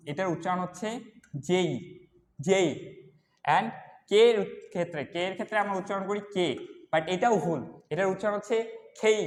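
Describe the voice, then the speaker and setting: A young man, teaching an English lesson to kids. He explains slowly and repeats the letters one by one. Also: high-pitched. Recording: echoey room with long reverb.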